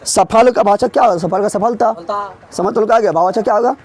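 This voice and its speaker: A man's voice: high voice, fast talker, darkish tone. A man teaching an exam-prep grammar lesson, drilling students with repeated questions and teasing them. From Bihar.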